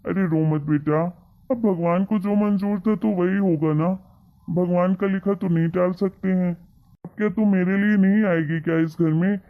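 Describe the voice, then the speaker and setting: A man voicing a gentle, affectionate elderly father in a cartoon story, talking in a soothing, coaxing way. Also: high voice, fairly even intonation, normal speed. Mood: consoling. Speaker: father and grandfather. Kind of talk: Hindi cartoon moral-story voice acting. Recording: tinny phone-like sound.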